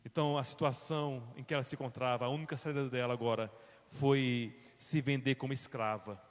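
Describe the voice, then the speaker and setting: A man with a Brazilian accent, a pastor telling a Bible story in a sermon, dramatic, moving from quiet to loud. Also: mid-range voice, fairly even intonation, fairly quick. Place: church. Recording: long church reverb.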